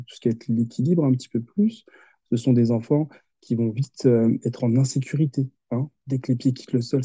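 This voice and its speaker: In a muffled video call, a man in his thirties who works as an occupational therapist patiently explains things with examples during an interview. He speaks from a home office with a window through a headset, his mid-range voice mellow and slightly rough, the recording dry.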